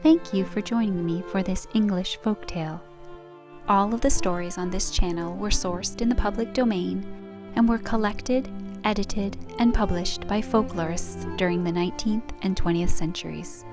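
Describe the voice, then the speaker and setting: Over music, a woman with a medium-pitched voice reads a scripted folk tale at a normal speed. She is a storyteller and channel host, using a storybook narration style.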